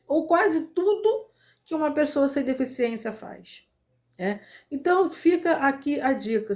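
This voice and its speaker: A woman's voice: a little high, a little mellow. A woman from Brazil speaking casually and earnestly about inclusion, with fillers and restarts as she gets to her point. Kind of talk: casual spoken commentary.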